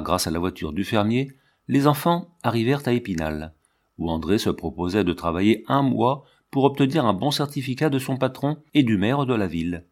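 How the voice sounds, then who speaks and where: A man reads a storybook aloud at a measured, even pace. His voice sits somewhat low, and he keeps the narration calm and steady. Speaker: audiobook reader.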